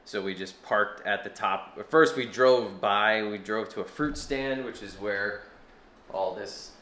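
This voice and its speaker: A man's voice: fairly low pitch, unhurried, fairly bright tone, slight background noise. A man in his thirties chatting casually while travel vlogging outdoors, blunt and swearing freely with dry jokes. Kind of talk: casual travel vlog chat. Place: outdoors on mountain trails and at a rental house.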